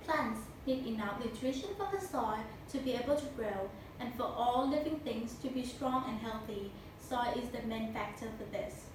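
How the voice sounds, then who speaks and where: A woman's voice: a little high, expressive, normal speed, hardly any pauses. A young woman with a Thai accent delivers a memorized competition speech in a stiff, rehearsed way. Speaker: speech contestant. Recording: very echoey room, distant mic, noisy.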